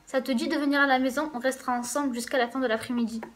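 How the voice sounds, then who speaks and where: Girl doing a bubbly teen best friend, friendly and chatty, kinda high. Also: fairly even intonation, rapid-fire, fairly bright tone, slight background noise.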